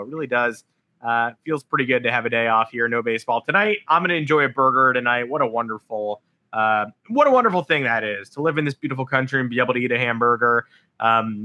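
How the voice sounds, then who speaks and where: A man with a hoarse, worn-out voice hosting a casual sports podcast in an animated, sarcastic way. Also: mid-range voice. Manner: animated, sarcastic, acts out imagined quotes.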